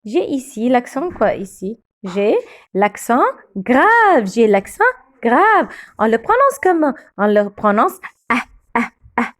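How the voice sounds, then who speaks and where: A woman teaching beginner French pronunciation, saying each word slowly and repeating it several times. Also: on the high side, very animated.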